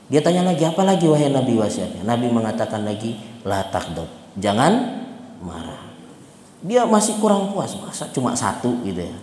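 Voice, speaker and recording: A man preaching. His voice sits a little low, and he keeps throwing rhetorical questions at the congregation. The sound rings with long reverb from the hall. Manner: asks the congregation rhetorical questions, lively storytelling. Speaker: Islamic preacher. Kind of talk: mosque sermon with call-and-response questions. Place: mosque hall. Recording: echoey reverberant mosque hall.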